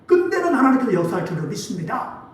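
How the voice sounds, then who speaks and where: High-voiced male pastor in an echoey hall. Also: sing-song, fast, far from the mic, faint music behind. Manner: emphatic preaching with rhetorical questions and sudden swings in loudness. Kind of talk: sermon. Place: church sanctuary.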